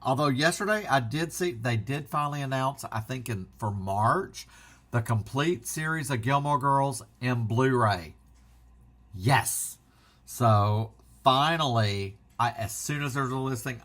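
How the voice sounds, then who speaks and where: Excitable, rambling man with a bright voice. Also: mid-range voice. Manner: excitable, rambling, self-interrupting. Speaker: physical media channel host. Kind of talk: casual vlog chat.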